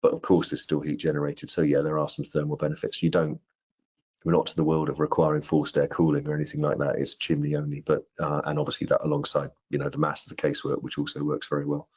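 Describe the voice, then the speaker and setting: This middle-aged man talks fast in a rumbling low monotone, slightly rough and a little mellow, as he informally handles technical questions from an audience about a product. He's in an indoor room on a video call, frequently repeating words. Audio from the call microphone is dull and band-limited.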